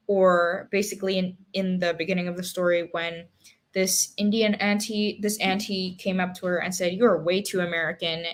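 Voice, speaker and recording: Chatty young woman musing over book questions. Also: on the low side. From Singapore. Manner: thinking aloud with many fillers and restarts. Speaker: book club host. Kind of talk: casual book discussion.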